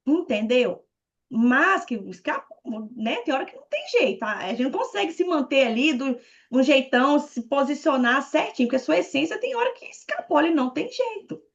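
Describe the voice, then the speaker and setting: A woman's voice: sits high, sing-song, brisk, vocal fry, highs cut off. A Brazilian woman giving a chatty, playful talk on a video call, speaking straight to her listeners. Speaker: guest speaker on leadership.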